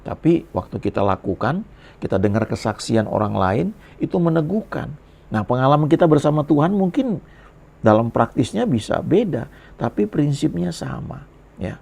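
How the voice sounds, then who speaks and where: Casting: middle-aged male pastor with a very gravelly, fry-heavy voice, easygoing sermon storyteller. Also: medium pitch, expressive, normal speed, a little mellow. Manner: conversational storytelling, frequent "ya" tags. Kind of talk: sermon testimony.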